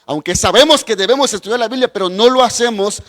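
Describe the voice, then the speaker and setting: A man's voice: high-pitched, fast, fairly bright tone, in a large hall. A man teaching a Bible class, talking straight to his viewers with asides and personal stories.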